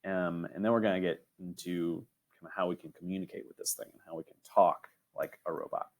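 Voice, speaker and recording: A young man teaching an online robotics lesson in a casual, rambling way, often checking in with "right?" and filling pauses with "um". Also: low-pitched, fairly even intonation. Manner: casual, filler-heavy, frequent "right?" checks.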